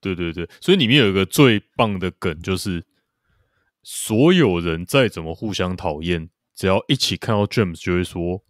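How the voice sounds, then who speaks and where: A man's voice: low-pitched, lively intonation, moderate pace, dry recording, studio quality. A man co-hosting a podcast, chatting casually about a TV series with lots of fillers and repeated agreement. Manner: loose, rambling, many fillers and repeated agreement. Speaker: podcast co-host.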